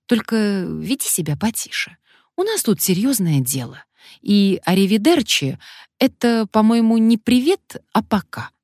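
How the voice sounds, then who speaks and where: A woman's voice: medium pitch, expressive, a little slow, darkish tone, no room sound, clean studio sound, pitched above the performer's own voice. A woman voicing a bossy, ironic middle-aged woman.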